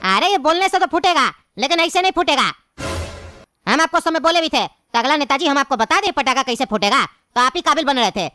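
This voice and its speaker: A woman voicing a sharp-tongued male firecracker seller in a cartoon, mocking and scolding. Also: high-pitched, animated, fairly quick, faint music behind. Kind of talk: cartoon voice acting.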